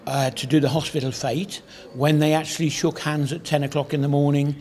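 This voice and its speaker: A man's voice: on the high side, little pitch movement, fairly quick, darkish tone. An older man from the Cotswolds in England, a town crier, talking casually in an interview.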